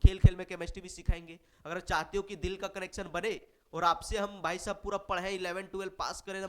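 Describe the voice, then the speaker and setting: A man's voice: sits high, a bit bright. A male chemistry teacher, talking casually and persuasively to students while a little unwell. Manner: chatty, colloquial, playful and persuasive. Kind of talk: casual promotional talk to students.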